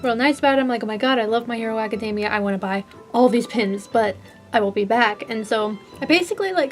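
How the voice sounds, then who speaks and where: A young woman vlogging a convention haul in a bubbly, giggly, gushing way, full of "like". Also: on the high side. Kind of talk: casual convention haul vlog.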